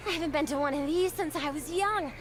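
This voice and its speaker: A woman's voice: sits high, quick pace, music in the background, lightly acted. A woman playing a wide-eyed, sheltered, curious girl in a video game, with a bubbly, innocent manner. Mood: excited, curious. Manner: bubbly, naive, expressive.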